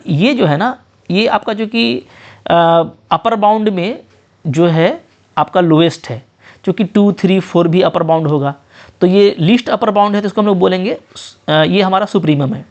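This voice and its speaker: The audio is dull as a high-voiced man with an Indian English accent teaches an exam-prep math lecture. He repeats short check phrases often and slows sharply for definitions.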